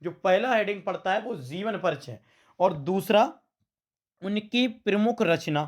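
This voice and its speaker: The man's voice sits high and sounds animated, keeping a measured pace. He's a coaching teacher doing exam prep in Hindi with a western Uttar Pradesh accent, habitually saying "beta" to students and rephrasing his points as questions.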